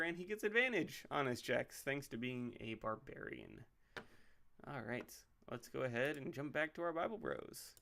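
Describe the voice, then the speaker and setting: A man hosting a casual livestream who builds game characters while thinking out loud, rambling and making joking asides. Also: medium pitch, gravelly. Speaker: pastor and livestream host.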